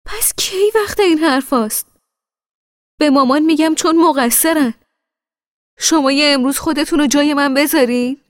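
A woman reading a story voices a bitter, irritated adult brother who scolds loudly and sharply, with long reverb on her voice. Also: fairly high pitch, animated, hardly any pauses, studio quality, voice pushed up, lightly acted. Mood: exasperated scolding. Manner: loud, scolding, exasperated.

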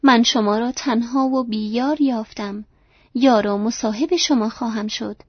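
A woman's voice: fairly high pitch, slightly rough, no room sound. A woman voicing a devoted, tender young woman, earnest and reassuring, in a dry, dull lo-fi recording.

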